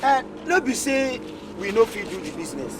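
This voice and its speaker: A man's voice: extremely high pitch, very animated, a little fast. A man with a Nigerian accent playing a cautious scrap iron buyer, speaking Nigerian Pidgin. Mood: wary. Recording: outdoor street noise and cars.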